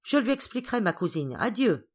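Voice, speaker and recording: Woman reading a curt, gruff father. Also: mid-range voice, big pitch swings, fairly quick, voice pushed up.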